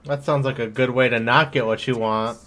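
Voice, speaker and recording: A man's voice: medium pitch, fairly even intonation, a little fast, fairly bright tone. A man giving casual, reactive commentary while playing a story game. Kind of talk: casual live gameplay commentary.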